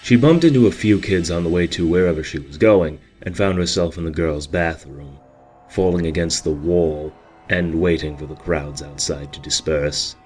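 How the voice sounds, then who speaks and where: A man with a deep, low voice reads a story in a steady, measured way. Soft music plays quietly under his narration.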